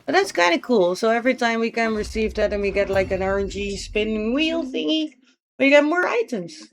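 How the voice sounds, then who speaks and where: A woman's voice: a little high, lively intonation, fairly quick, a little hiss or hum. A woman streamer chatting casually and thinking aloud while she plays a game, with the odd swear word. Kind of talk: casual live gameplay commentary.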